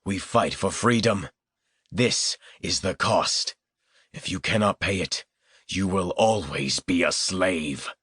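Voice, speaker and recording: A man's voice: deep voice, slow, a bit bright, breathy edge, dry recording, clean studio sound, exaggerated voice. A man reading an audiobook, voicing a brutal, vengeful male rebel who talks in a cold, menacing way. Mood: ranting.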